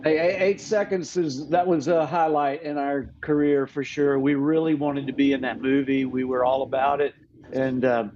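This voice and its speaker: A man's voice: medium pitch, steady tone, moderate pace, a little mellow, dull audio, slight background noise. A man guesting on a podcast as a musician, easygoing and jokey. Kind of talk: casual interview.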